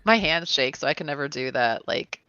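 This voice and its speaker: A woman co-hosting a casual chat, firing off quick, lively questions. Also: a bass voice, clear, resonant tone. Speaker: co-host. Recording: dull, dry lo-fi sound.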